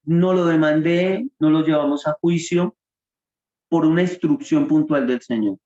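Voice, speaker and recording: Colombian guy preaching his testimony, kinda high voice but mellow, echoey room. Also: measured pace. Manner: earnest storyteller, acts out quoted dialogue with God. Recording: roomy, dull lo-fi sound.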